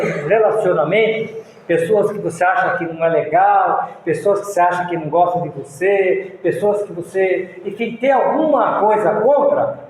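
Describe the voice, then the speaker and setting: A man's voice: sits high, a little mellow. A man with a Brazilian accent giving a folksy moral lecture at a spiritist center, telling stories with many restarts. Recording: echoey hall, faint room noise.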